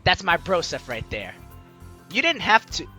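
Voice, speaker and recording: With game music running in the background, this gaming host hams up her read-aloud of the narration and dialogue, slipping in playful ad-libs. She sits on the low side, her pitch swinging hugely, her tone sharp, her pace moderate.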